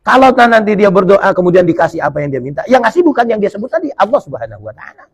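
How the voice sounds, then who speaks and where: Man, preacher at a dawn mosque gathering, husky, jokey, swings his pitch a lot. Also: sing-song, very fast. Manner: jokey, colloquial, reads and explains Arabic text. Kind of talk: humorous sermon.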